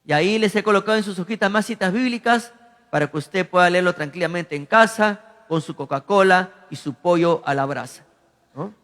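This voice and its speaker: A male pastor preaches a teaching sermon, repeating lines and telling listeners to write notes. His voice is high, and it climbs sharply in pitch and volume when he reads out the demons' cries. A long church hall reverb trails after his words. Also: a little fast, a bit bright. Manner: repeats verses and lines for emphasis.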